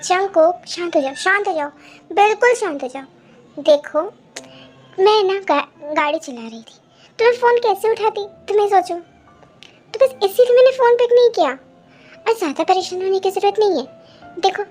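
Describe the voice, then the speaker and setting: A woman's voice: extremely high pitch, lively intonation, normal speed, darkish tone, soft background music. A woman voicing a fussy, bossy young wife in a fan audio drama, scolding and insistent. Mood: soothing.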